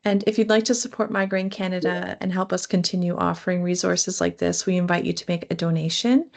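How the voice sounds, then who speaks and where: A woman's voice: fairly low pitch, little pitch movement, fairly quick, creaky. A woman hosting a charity webinar over a video call, friendly, with frequent ums.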